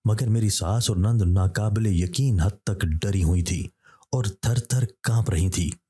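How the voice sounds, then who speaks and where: A man with a low, husky voice reads a scripted horror story. His tone is dark and mellow, and he keeps a steady pace as he voices every character himself. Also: unhurried.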